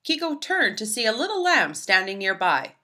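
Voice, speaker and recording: At an ordinary pace, a woman whose voice is a little high reads a children's picture book aloud, telling it with expressive storytelling.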